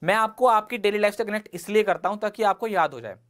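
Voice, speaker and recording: Talking quickly in a high-pitched, fairly bright voice, this Indian English teacher runs a vocabulary lesson for exam preparation. He blends Hindi and English, illustrating words with everyday examples and rhetorical questions.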